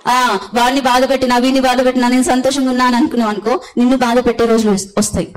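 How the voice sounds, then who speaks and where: A woman preaching a sermon, blunt and forceful, often calling out hallelujah. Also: on the high side, little pitch movement, rapid-fire, low-quality recording.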